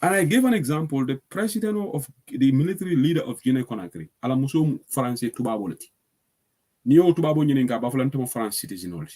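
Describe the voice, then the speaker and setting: A man's voice: mid-range voice, fast talker. Gambian man hosting a chatty talk show. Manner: animated, laughs often, switches between English and Mandinka. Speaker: current affairs show host. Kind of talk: casual talk show monologue.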